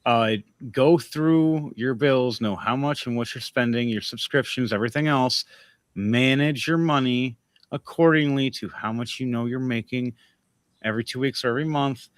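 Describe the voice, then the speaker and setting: A man hosts a casual podcast chat, rambling from story to advice. His voice sits at a middle pitch. The sound is dry, with no room around it. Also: moderate pace, no echo. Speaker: podcast host.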